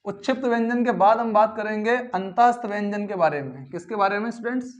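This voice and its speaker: A man's voice: sits high, brisk. A man teaching a classroom lesson who drills sounds aloud over and over and keeps asking his students questions. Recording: dull lo-fi recording.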